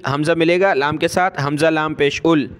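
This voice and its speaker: A man teaching Quran recitation with a Pakistani Urdu accent. He spells out letters and vowel marks, then chants each word slowly and draws it out, with quick explanatory asides in between. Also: on the high side, steady tone, clean tone. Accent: Urdu-speaking, Pakistani. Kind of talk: step-by-step recitation lesson.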